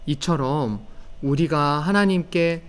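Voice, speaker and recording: A young man giving a gentle children's sermon, telling a story and asking the little ones questions. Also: a little high, slow pace. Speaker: children's pastor.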